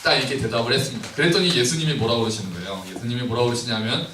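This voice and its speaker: A man's voice: medium pitch, rapid-fire. A male pastor preaching a playful sermon that asks the congregation questions and acts out the scripture scenes. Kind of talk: lively sermon to a congregation with children. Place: church sanctuary. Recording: roomy church hall, mic at distance, faint noise.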